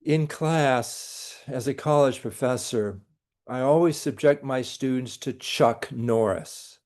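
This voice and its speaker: A middle-aged man, a college professor, delivers a recorded lecture peppered with dry, sarcastic jokes. His mid-range voice moves slowly and has a somewhat dark tone.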